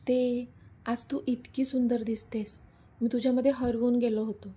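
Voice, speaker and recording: A woman's voice: a little high, level tone, normal speed, dark tone, slightly rough. A woman reading a teasing lovestruck young man. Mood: coaxing, playful. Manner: pleading, playful, coaxing. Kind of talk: storybook narration.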